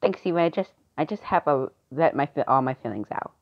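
A woman performing an amateur skit, reading the lines in a halting, unpolished way. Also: very deep voice, expressive, dull audio. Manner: unpolished, halting line delivery. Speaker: skit performer voicing both parts.

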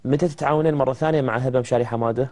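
A man hosting a TV interview, asking quick questions and joking with his guest. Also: medium pitch, steady tone, a little mellow. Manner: joking, teasing. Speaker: TV show host. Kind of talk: casual TV interview.

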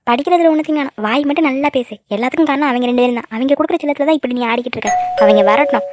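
A woman's voice: high-pitched, rapid-fire, heavy background noise, lightly acted. A woman voicing a fussing cartoon village mother. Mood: scolding. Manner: scolding, then tearful and doting. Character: scolding, emotional middle-aged village mother. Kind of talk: cartoon voice acting.

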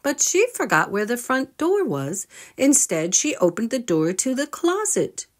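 A woman with a fairly high voice reads a children's storybook aloud at an unhurried pace. She tells it expressively, like a storyteller speaking to young listeners, and asks them questions along the way.

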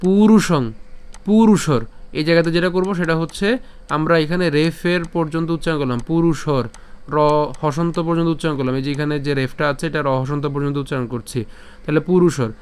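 A man teaches how to pronounce Sanskrit verses, breaking words apart sound by sound with patience and chanting the lines slowly. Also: on the high side, steady tone, clean tone. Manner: patient, explains sound by sound and checks in with "okay?". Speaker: Gita recitation teacher.

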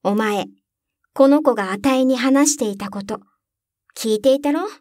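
A woman voicing a rough, bossy young robber girl in a storybook reading, with blunt tomboyish speech. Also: sits high, normal speed, a little mellow, no room sound, clean studio sound, natural voice. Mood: brusque.

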